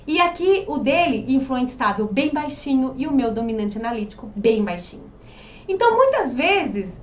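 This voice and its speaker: A woman coaching on behavioral profiles in a casual, animated way, asking rhetorical questions and acting out quoted voices. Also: sits high, slight background noise. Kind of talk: casual teaching monologue. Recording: echoey room, mic at a distance.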